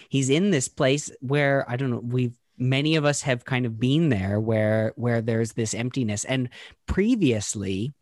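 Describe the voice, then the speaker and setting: A man's voice: mid-range voice, dry recording. Thoughtful man musing aloud, very dry sound. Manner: thoughtful, halting, many restarts and fillers. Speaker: podcast co-host. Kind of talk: casual conversational discussion.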